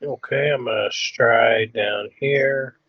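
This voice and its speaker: A man's voice: medium pitch, fairly even intonation, slow pace, no room sound, dull audio. A man playing a tabletop game, casually explaining his moves.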